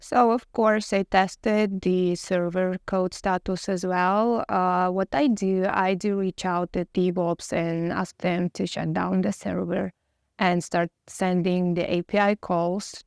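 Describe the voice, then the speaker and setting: A woman's voice: on the low side, level tone, slow, vocal fry, a little mellow, clean tone, dry recording, clean studio sound. A woman answering as a candidate in a mock technical job interview, speaking formally and hesitantly, with some nerves.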